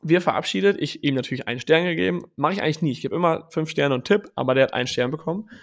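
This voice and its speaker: A young man hosting a podcast, casually telling an animated story and quoting people along the way. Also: on the high side, very fast. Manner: animated, quotes people with lively asides. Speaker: podcast host.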